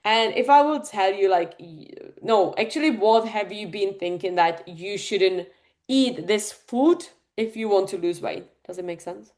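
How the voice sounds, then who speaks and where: A Czech fitness and nutrition coach gives a live online masterclass over a video call, her mid-range voice a little slow and a little mellow. She is chatty, speaks directly to the audience, and uses many fillers.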